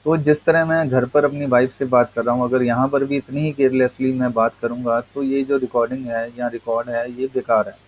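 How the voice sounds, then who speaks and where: A man teaching English literature, reading a text aloud slowly and explaining each line. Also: mid-range voice, little pitch movement, a little hiss or hum, low-quality recording. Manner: reads English lines slowly and deliberately, then explains in quicker Hindi.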